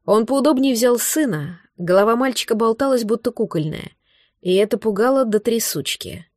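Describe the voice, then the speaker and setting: A woman's voice: fairly high pitch, expressive, moderate pace, darkish tone, no room sound. Woman narrating a novel, dry and close. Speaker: audiobook narrator. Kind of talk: first-person novel narration.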